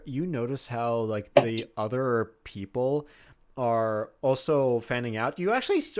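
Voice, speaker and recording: A man narrating a tabletop game casually as game master, hesitantly searching for his words. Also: mid-range voice.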